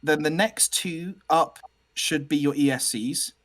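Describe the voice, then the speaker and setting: A man's voice: a little high, fairly bright tone. A man casually talking a teammate through wiring a small robot over a video call, stopping and restarting as he explains. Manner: halting, restarts often while explaining. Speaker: robot builder guiding a teammate.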